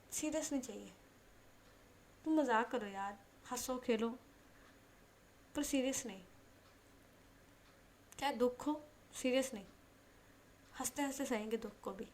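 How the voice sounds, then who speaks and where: Woman reading as a playful young woman who teases, animated and a bit high, storybook heroine. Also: a little hiss or hum. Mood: pleading. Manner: animated, mock-offended.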